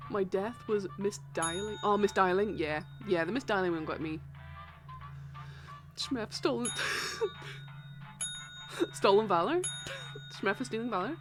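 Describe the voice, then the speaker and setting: A young woman streaming live, chatting casually and excitably while she plays a trivia game, giggling and swearing often. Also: medium pitch, unhurried, long pauses. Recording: game music playing behind.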